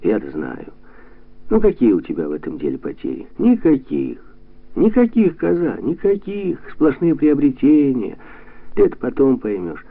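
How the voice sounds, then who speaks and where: A male reader voicing a jovial, blunt heavyset man who lectures a young woman in a bantering, preachy way, with sudden jumps up in pitch. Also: wildly swooping pitch, moderate pace, creaky, heavily acted. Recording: tinny lo-fi radio sound.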